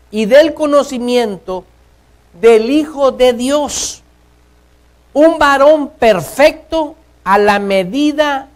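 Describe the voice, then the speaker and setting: A male pastor preaching a sermon, firing rhetorical questions at the congregation and swinging between loud and hushed. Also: very high voice, rough recording. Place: church.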